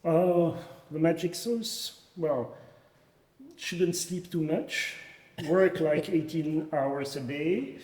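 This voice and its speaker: Belgian male founder, 40s, halting and filler-heavy, booming conference hall. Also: a little mellow. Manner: hesitant, many fillers and restarts. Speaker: fintech founder, guest. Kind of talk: conference interview. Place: conference venue, echoey hall.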